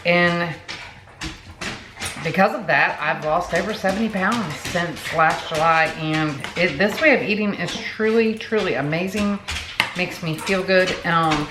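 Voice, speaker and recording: A vlogger in her late forties chats to the camera in a slightly low voice, speaking a little slowly. Her story wanders, full of fillers and asides. She's in an echoey room at home, with clear background noise beneath her voice.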